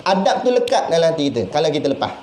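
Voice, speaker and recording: A man with a Malaysian Malay accent giving a sermon as a religious teacher. He talks in a lively, conversational way, asking questions and acting out little voices. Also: a little high, very fast. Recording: echoey room with faint background noise.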